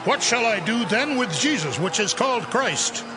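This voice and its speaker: Pilate, a questioning Roman governor. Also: male voice, high voice, very animated, normal speed, background noise. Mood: pleading. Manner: formal, questioning, old-fashioned phrasing. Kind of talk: dramatized scripture reading. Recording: audio drama with music bed.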